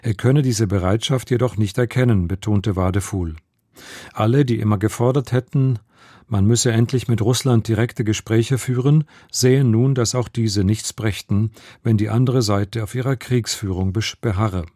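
A man reading the radio news in a measured, formal studio delivery. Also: fairly low pitch, dark tone, no room sound. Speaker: newsreader.

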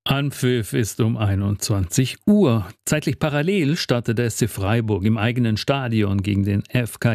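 A man presenting the sports news on the radio, reading in a crisp, even newsreader manner from a studio. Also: lowish voice, no room sound. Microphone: close studio mic.

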